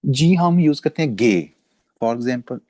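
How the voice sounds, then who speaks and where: धीमे बोलने वाला पुरुष भाषा शिक्षक. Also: male voice, medium pitch, expressive, a little mellow, no echo. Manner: explains slowly, repeats words and says "theek hai" often. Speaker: German language teacher. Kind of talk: classroom lecture on pronunciation.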